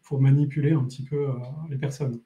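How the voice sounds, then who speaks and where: A man interviewing an author, asking questions in a halting way with fillers. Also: medium pitch, flat delivery, warm tone. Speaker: interviewer host.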